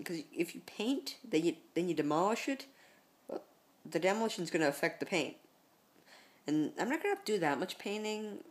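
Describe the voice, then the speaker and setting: A man's voice: fairly high pitch, gravelly. A man vlogging late at night from his bedroom, talking casually into his camera mic in a sleepy, meandering way full of fillers and self-corrections. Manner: drowsy, easygoing talk. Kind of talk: rambling late-night vlog chat. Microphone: computer or camera mic.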